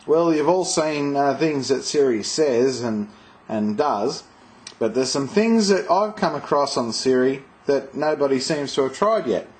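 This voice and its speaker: A man's voice: medium pitch, a little slow, a little mellow. A man narrating a casual demo of a phone, chatting to viewers and repeating commands to it. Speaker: video maker demonstrating a phone.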